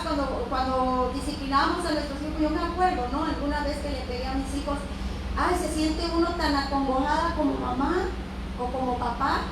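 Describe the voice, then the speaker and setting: A woman teaches a Bible lesson with fervor, her voice high and bright. She sounds distant, caught by a far-off mic in a very echoey room. Steady noise runs under her words. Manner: fervent, interjects amens and calls to God.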